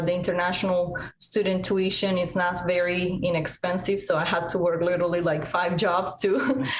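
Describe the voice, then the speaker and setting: Chatty woman guest in her forties, video call interview, roomy sound. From Colombia. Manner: chatty, eager, many fillers. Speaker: guest, nonprofit CEO. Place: home room over video call. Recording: echoey room with faint rumble.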